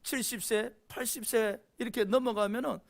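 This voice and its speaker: Gravelly, impassioned church preacher. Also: mid-range voice, fairly even intonation, normal speed. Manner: impassioned preaching, frequent rhetorical "eh?" prompts to the congregation. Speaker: pastor. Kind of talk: sermon.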